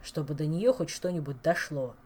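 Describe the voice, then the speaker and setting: A woman's voice: low voice, moderate pace, mellow, a little hiss or hum, close to an everyday voice. A woman voicing a weary, stern king who speaks curtly and grumbles. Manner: grumbling, curt.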